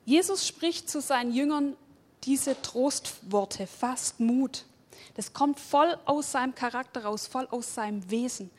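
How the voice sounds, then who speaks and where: A woman's voice: on the high side, a little mellow. A woman preaching a sermon, speaking emphatically, stacking repeated phrases and putting questions straight to her listeners. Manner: addresses listeners directly with questions.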